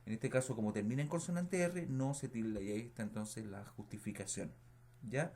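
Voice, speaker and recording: A man teaching a remote lesson, speaking slowly and patiently, repeating words and checking understanding with short questions, with keyboard typing behind him. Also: medium pitch, vocal fry, mellow. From Chile. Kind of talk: recorded remote lesson feedback.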